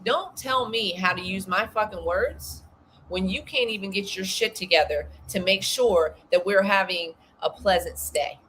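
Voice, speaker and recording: A woman's voice: medium pitch, a little slow, fairly bright tone, slight background noise, rough recording. A woman, co-hosting a podcast and telling a story in an indignant, profane way. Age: 40s. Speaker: podcast co-host. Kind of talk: casual chat.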